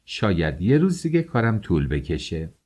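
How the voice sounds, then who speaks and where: A man's voice: deep voice, sing-song, darkish tone, breathy edge, heavily acted. A man reading an anxious older mother. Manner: pleading.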